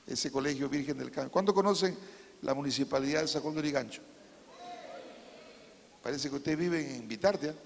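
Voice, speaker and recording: You're a Peruvian man preaching your testimony: gravelly, passionate, drop to a near whisper and then build to shouts. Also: a little high, brisk, pauses often, a little hiss or hum. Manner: emotional preaching, swings from hushed to shouting. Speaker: pastor. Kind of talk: testimony sermon to teenagers. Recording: reverberant hall with faint music. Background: faint instrumental music.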